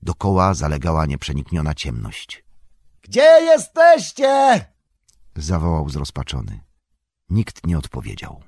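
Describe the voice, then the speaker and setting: A man reading a fantasy novel aloud as an audiobook narrator, in measured, expressive storytelling. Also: a bass voice, breathy edge, no room sound, clean studio sound.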